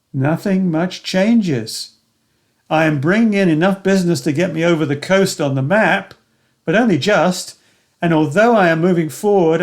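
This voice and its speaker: Older male memoir narrator, slightly higher-pitched, earnest and reflective, first-person storytelling. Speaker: narrator of his own memoir.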